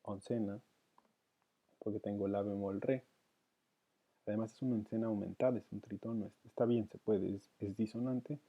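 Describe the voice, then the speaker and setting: A man's voice: on the low side, steady tone, normal speed, long pauses. A man teaching counterpoint, working through it aloud with hesitations. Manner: thinks aloud with many fillers and restarts. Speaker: music teacher. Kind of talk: counterpoint lesson, thinking aloud. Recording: dull lo-fi sound.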